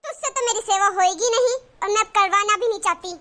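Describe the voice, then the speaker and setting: A woman's voice: very high voice, fairly quick, bright, forceful tone. A woman voicing a nagging, suspicious, self-pitying older mother-in-law in a cartoon, scolding and groaning dramatically. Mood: gloating. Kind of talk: cartoon voice acting.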